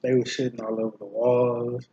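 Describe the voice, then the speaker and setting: A man with a mellow, fairly flat voice chats casually between bites, telling a story with blunt, grossed-out disgust. The audio is dull and lo-fi, like a home video. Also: medium pitch, moderate pace, slightly rough. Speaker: vlog co-host. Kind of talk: casual chat while eating.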